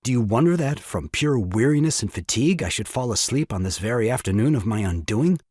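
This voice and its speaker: In an audio farce, a man plays a self-pitying, exasperated new father, his delivery grandiloquent and melodramatic with a mood of theatrical woe. His mid-range voice is lively in intonation, a little fast and slightly mellow, with a breathy edge and no echo.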